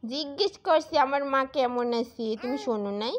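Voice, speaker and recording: A woman's voice: sits high, moderate pace. A woman talking baby talk to her infant in a coaxing voice. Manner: coaxing, sing-song questions. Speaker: mother.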